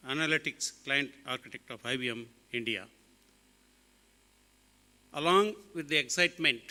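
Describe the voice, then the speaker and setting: A man from the USA giving a measured, formal welcome address as a company executive at a conference. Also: mid-range voice, pushed and bright. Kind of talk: formal prepared speech. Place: large conference hall. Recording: hall reverb.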